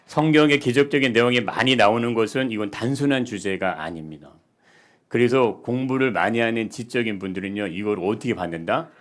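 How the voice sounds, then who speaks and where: A man preaches a sermon with a fairly low voice. He keeps asking the congregation questions. He drops to quiet lines and then rises to loud, emphatic ones. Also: a little fast. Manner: rhetorical questions to the congregation, swings between soft and loud. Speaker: pastor.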